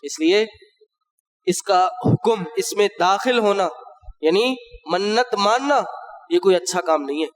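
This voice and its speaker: A man's voice: high-pitched, long pauses. Male preacher, Friday sermon, question-and-answer teaching style, long hall reverb. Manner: explains rulings step by step, posing and answering his own questions. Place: mosque.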